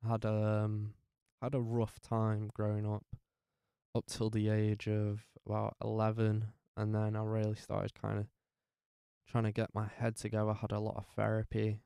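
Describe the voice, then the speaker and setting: A tired young man, telling his life story to camera in a halting way, full of fillers and restarts. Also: fairly low pitch, monotone, vocal fry, mellow, clean tone, no room sound, clean studio sound. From North West England. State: tired, up very early. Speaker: vlogger.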